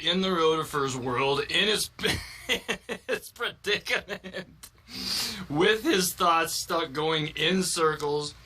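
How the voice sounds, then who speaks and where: A man's voice: a little high, pushed and bright, a little hiss or hum. A man recounting a funny story to his viewers, laughing and giggling throughout. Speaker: video creator. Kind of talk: comic storytelling.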